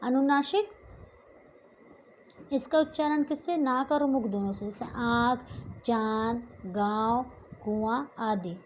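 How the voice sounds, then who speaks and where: A woman's voice: high voice, a little mellow, a little hiss or hum, rough recording. A woman teacher giving a grammar lesson, asking questions and answering them herself and drawing out the example sounds.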